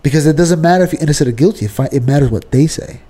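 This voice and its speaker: Argumentative man, mellow higher voice. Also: racing, husky. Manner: animated, argumentative, fillers like freaking. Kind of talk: casual political chat.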